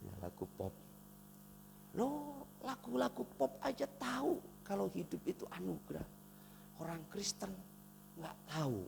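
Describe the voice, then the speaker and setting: A man from Indonesia preaching a sermon as pastor, swinging between loud emphatic lines and soft, intimate asides. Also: high-pitched, big pitch swings, unhurried, gravelly, pauses often. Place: church hall. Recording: reverberant church hall, faint noise.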